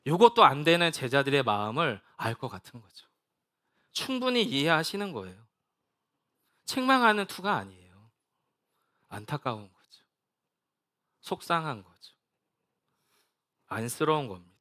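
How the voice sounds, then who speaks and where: A man preaching a sermon as pastor, dropping to a soft hush on key points and leading the congregation in reading scripture together. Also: fairly high pitch, wildly swooping pitch, unhurried, pauses often. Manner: acts out Jesus' prayers in plain casual speech, then drops to a soft hush.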